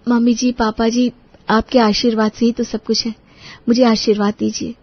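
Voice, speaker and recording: A woman's voice: fairly high pitch, flat delivery, moderate pace, husky, dull audio. A woman voicing a sweet, shy, devout young bride in a cartoon, speaking politely and respectfully.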